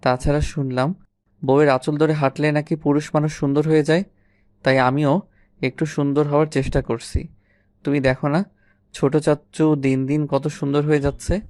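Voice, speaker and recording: A man voicing a smug, playful young husband in an audio story, teasing in an unhurried mocking tone. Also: a little high, little pitch movement, a little mellow, no echo, clean studio sound, close to an everyday voice.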